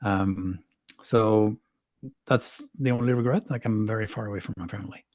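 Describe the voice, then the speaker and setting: A middle-aged man from Sweden talks casually as a podcast guest, rambling and poking fun at himself. His voice sits low. The recording is dry and close. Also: fairly even intonation, normal speed, darkish tone, no room sound. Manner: rambling, self-deprecating, frequent restarts. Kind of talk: casual interview talk.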